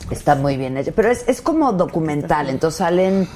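Female talk host, very low voice, frank and conversational. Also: sing-song, brisk, warm tone, slight background noise. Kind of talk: casual talk-show chat.

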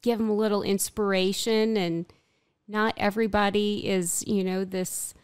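A woman's voice: mid-range voice, fairly even intonation, moderate pace, clean tone, no echo, studio quality. A middle-aged woman with an American accent, talking casually as a podcast guest. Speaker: podcast guest, financial advisor. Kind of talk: casual conversational discussion.

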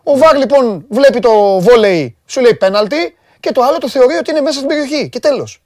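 A man hosting a casual sports talk show, animated and quick to jump in. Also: extremely high pitch, dry recording, clean studio sound. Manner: animated, interrupting, leads the segment. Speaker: host.

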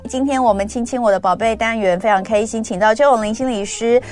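A woman's voice: a little high, fast, soft background music. Woman hosting a talk show. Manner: soft backchannels, sympathetic. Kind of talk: casual radio chat.

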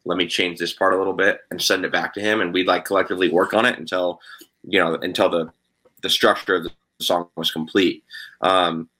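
A man who is a guest musician on a podcast, rambling in a relaxed way with many fillers. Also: low voice, brisk, low-quality recording. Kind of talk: casual interview chat.

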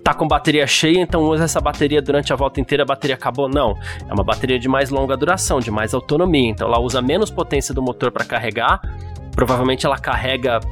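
A man with a Brazilian accent co-hosting a podcast, casually answering listener messages and thinking out loud as he explains. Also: mid-range voice, quick pace, faint music behind. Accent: Brazilian Portuguese. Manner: explains at length, hedging and speculating aloud. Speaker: podcast co-host.

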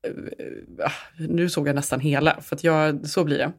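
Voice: medium pitch, level tone, vocal fry. Chatty podcast co-host, enthusiastic. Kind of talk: casual chat.

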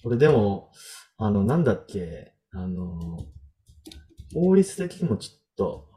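A man with a fairly low, mellow voice hosts a podcast in a relaxed chat. He thinks aloud as he talks and leans on loose fillers. His delivery stays easygoing and conversational. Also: slow pace. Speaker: podcast host.

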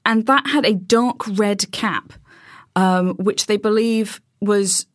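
A woman's voice: mid-range voice, slow pace, dry recording, clean studio sound. A woman explaining space science in casual chat, with many ums and restarts.

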